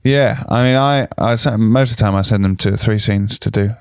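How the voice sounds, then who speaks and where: A young man chatting about his work on a podcast, his smooth voice sitting low with a gravelly edge. He rambles and restarts often, filling pauses with "um" and "you know". The sound is close and dry. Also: no echo. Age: young adult. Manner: rambling, many fillers and restarts. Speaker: film director, guest. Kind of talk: casual podcast conversation.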